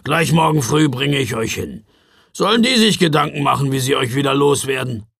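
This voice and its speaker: A man doing Knecht Ruprecht, gruff shaggy old man. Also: medium pitch, animated, normal speed, fairly bright tone, no echo, studio quality, heavily acted. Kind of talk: audiobook character voice.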